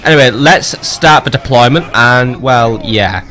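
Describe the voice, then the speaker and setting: Man, let's play host, casual gameplay commentary, rambling, swears, joking asides, mid pitch. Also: measured pace, pushed and bright.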